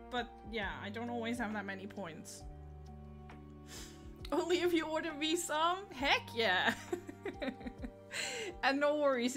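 A woman with a Dutch accent chatting casually on a gaming livestream, giggling often and greeting viewers by name. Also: fairly high pitch.

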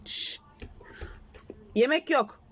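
A woman talking to her small child at home, coaxing, praising and gently scolding him. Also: drawn-out words, heavy background noise. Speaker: mother playing with her toddler.

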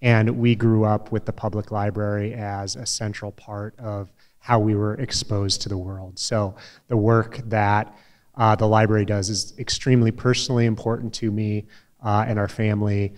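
Slow-speaking middle-aged man, low voice. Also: little pitch movement. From Des Moines, Iowa. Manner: slow, measured, many uh fillers, soft and emotional. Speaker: event moderator. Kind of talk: public talk to an audience. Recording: reverberant hall.

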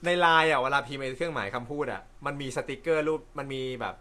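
A man hosting a casual live stream from an indoor room, reading viewer comments in a relaxed, chatty way with frequent light laughter and apologetic asides. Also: medium pitch, quick pace. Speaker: host.

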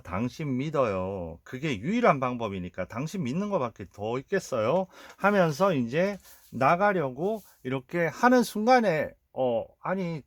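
A man walks through a film's plot scene by scene, jumping into the characters' lines with a lively, swooping pitch. His voice sits at an ordinary middle pitch. The sound is dry and close, with no room around it. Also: no room sound. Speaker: film commentator.

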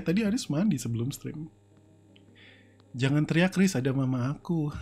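Playing games at home, a young male streamer keeps up casual, playful commentary in a fairly high, slightly mellow voice. He pokes fun at himself and bursts into screams and laughter.

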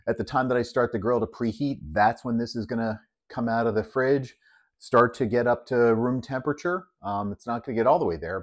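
Man, home cook, easygoing how-to delivery, middle pitch, dry close sound. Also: no room sound. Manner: relaxed, step-by-step with fillers. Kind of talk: casual cooking demonstration. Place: outdoors at a grill.

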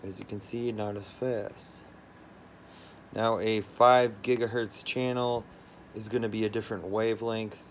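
With a fairly low, level voice and no rush, a tech vlogger narrates his setup from behind the camera, a light hiss or hum in the recording. He's surrounded by phones and routers in a cluttered space, and his talk is loose and packed with fillers.

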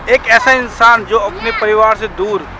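A man's voice: high-pitched, steady tone, moderate pace. A man vlogging with friends outdoors at night, talking in an earnest, rambling way and sometimes acting as a playful mock reporter. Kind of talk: casual chat with friends. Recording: background music playing.

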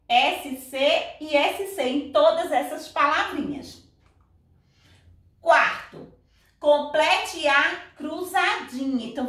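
A woman's voice: high voice, a bit bright. A woman teacher, patiently going over a lesson and often asking the class whether they follow. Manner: patient, checks understanding with repeated questions. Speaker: Portuguese teacher. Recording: echoey room from a distance.

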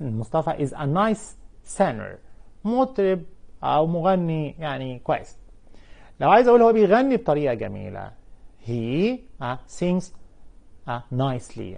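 Lively mellow Egyptian English teacher. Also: male voice, mid-range voice, creaky. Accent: Egyptian Arabic. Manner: explains in Arabic, drawing out English example words slowly. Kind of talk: televised live English lesson.

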